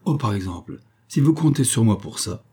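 A man's voice: medium pitch, expressive, fairly quick, warm tone, slightly rough. A man voicing a playful young widow who teases her new husband in an audiobook reading. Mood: teasing. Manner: playful, amused teasing. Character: young woman, a witty, teasing widow.

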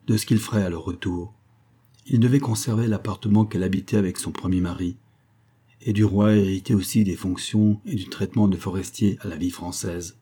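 A man reading a classic novel aloud as an audiobook narrator, in a measured literary style. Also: on the low side, warm tone, breathy edge.

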